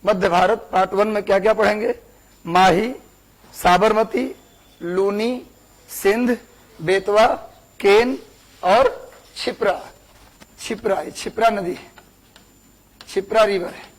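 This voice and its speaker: High-voiced teacher dictating. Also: male voice, steady tone, slow, pauses often, low-quality recording. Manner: repeats words for dictation; asks the class questions. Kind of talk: classroom lecture.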